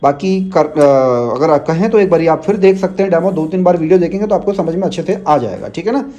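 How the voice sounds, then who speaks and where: A high-voiced man leads a shorthand demo class. His tone is warm and mellow, and he walks through each step slowly, often pausing to ask whether it is clear. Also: lively intonation, lo-fi sound. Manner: patient, explains step by step, checks in with students often. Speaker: shorthand teacher.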